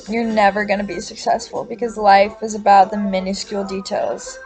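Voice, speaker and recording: A woman in her twenties rambles through a casual, confessional monologue, filling her speech with "like" and the odd swear word. Her voice is fairly high in pitch with a dark tone.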